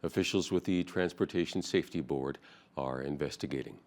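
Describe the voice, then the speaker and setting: A man's voice: rumbling low, fairly quick, a little mellow. A man reading the news as a newscast anchor.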